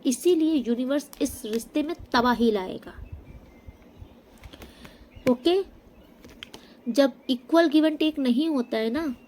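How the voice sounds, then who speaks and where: A woman giving a tarot reading straight to the viewer, emphatic, often checking in with a quick "okay?". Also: high-pitched, darkish tone. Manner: emphatic, addresses viewer directly with frequent "okay?". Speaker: tarot reader. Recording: faint background noise.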